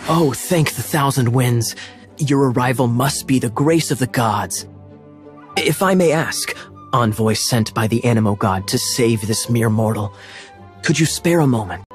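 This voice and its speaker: Man acting smooth-talking Kaeya, flirty game knight. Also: mid-range voice, unhurried, lightly acted. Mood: smooth, persuasive. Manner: smooth-talking, teasing, flowery. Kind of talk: video game cutscene acting. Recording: music playing behind the dialogue. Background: game soundtrack music.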